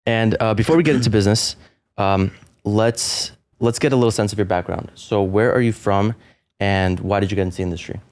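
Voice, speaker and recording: A man hosting a podcast interview, reading a guest introduction and asking questions, answering with quick short affirmations. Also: lowish voice, a little mellow. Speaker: podcast host.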